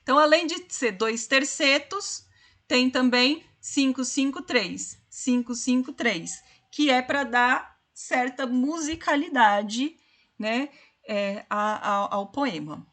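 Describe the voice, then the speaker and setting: A woman's voice: high voice, animated, slow pace, fairly bright tone. A woman teaching a literature class, explaining poem structure and counting syllables aloud to her students. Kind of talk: online class lecture.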